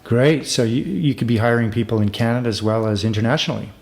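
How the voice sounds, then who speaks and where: A man's voice: medium pitch, fast, darkish tone. A man hosting an interview, reading a guest introduction and then asking structured questions. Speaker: host.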